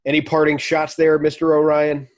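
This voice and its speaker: A man hosting a podcast in casual, profane chat, wrapping up the episode in a relaxed, amused way. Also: fairly high pitch, normal speed. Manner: laid-back, profane, amused. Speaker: podcast host.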